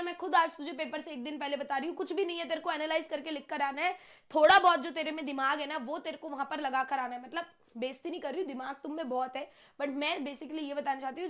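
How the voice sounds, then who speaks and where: Young teacher lady, high bright voice, chatty and teasing, live online class. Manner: chatty, teasing, switches into English phrases.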